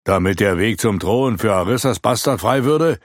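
A man voicing a blunt, hot-tempered knight who speaks grimly and forcefully. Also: fairly low pitch, expressive, moderate pace, no echo, studio quality, pitched above the performer's own voice. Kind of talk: audiobook character reading.

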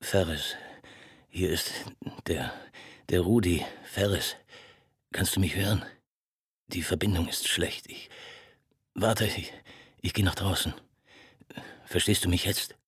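A cracked, stammering man slurring half-whispered words down a deep low register, as an audiobook reader puts him on. His rough, husky voice falters and breaks off mid-phrase, recorded close and dry. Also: slow pace, pauses often, dry recording, full character voice. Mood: pleading. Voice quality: cracked, brittle voice. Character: broken-voiced troubled middle-aged man, drunk-sounding. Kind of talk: audiobook dialogue.

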